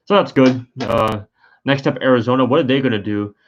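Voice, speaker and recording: A man's voice: mid-range voice, fairly quick, lo-fi sound, slight background noise. A tired, yawning man giving rambling, hesitant live-stream commentary, full of fillers and restarts. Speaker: sports streamer.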